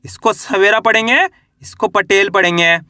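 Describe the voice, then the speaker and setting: Bright high-voiced man teaching letters. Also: fairly even intonation, moderate pace, no room sound, studio quality. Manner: patient, repetitive, often asks "आ रहा है समझ में?". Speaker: Hindi reading teacher. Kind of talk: step-by-step spoken lesson.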